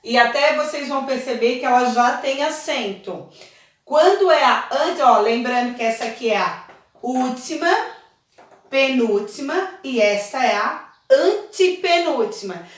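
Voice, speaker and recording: A woman's voice: sits high, animated, unhurried, far from the mic. Woman teaching in a very echoey room. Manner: patient, explains step by step, checks understanding often. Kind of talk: recorded online class lesson.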